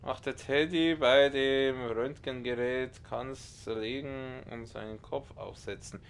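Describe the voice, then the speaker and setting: A young man with a Bavarian accent commentating his game stream live, with a loud, strong voice that can sound like shouting even in normal talk, excitable and quick to swear at the game. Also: medium pitch, clear, resonant tone. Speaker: let's play streamer.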